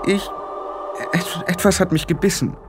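Ein Mann spricht ein verängstigtes junges Hexenmädchen, das stockend und hastig redet. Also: male voice, sits high, moderate pace, over music, voice pushed up, close to an everyday voice. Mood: nervous. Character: frightened young witch girl, shaky and strange.

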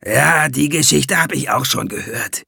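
A man's voice: medium pitch, measured pace, gravelly, sharp tone, slightly rough, dry recording, studio quality, exaggerated voice. A man doing a sly, mocking dwarf named Valiant. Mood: scornful. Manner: sarcastic, needling. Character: sly, mocking male dwarf, blunt and gruff. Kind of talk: audiobook reading.

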